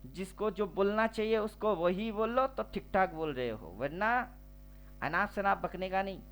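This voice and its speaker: A man's voice: high voice, expressive, measured pace, soft background music. A man teaching trading over a chart, slangy and teasing, firing off rhetorical questions.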